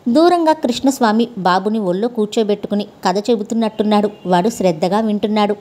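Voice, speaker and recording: A woman narrating a scripted story in a calm, even storytelling manner. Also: mid-range voice, fast talker.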